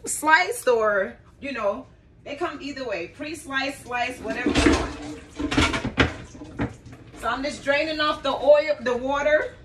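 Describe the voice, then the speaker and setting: A woman's voice: high voice, bright, forceful tone, slight background noise. A woman cooking at home and chatting casually to her viewers, often calling them guys and y'all as she works. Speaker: cooking vlogger. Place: home kitchen.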